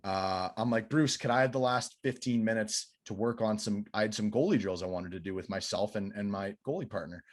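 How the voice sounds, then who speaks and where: A man, a goalie coach telling a story as a podcast guest, animated and swearing freely, his voice rising when he acts out quotes. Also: on the low side, fairly quick, hardly any pauses.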